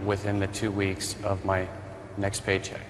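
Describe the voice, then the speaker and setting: A man's voice: low-pitched, monotone, measured pace. A young man appearing as a defendant on a court show, giving short, hesitant answers to questions. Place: TV courtroom studio. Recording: echoey hall with faint noise.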